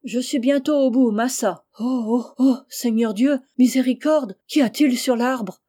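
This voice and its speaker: Woman reading as old male servant, earnest, plaintive, a bit raised and loud, mellow tone, storybook reading. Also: on the high side, unhurried, pitched above the performer's own voice.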